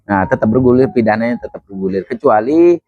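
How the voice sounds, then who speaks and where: A man's voice: medium pitch, lively intonation, a little fast, dry recording, phone-quality sound. A man answers interview questions as a legal expert, explaining points emphatically and repeating key phrases. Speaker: criminal law expert.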